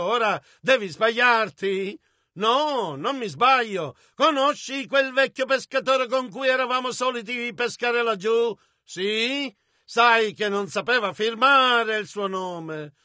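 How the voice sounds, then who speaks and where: A man interpreting a sermon with emphasis, at times breaking into shouts. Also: very high voice, measured pace, no room sound.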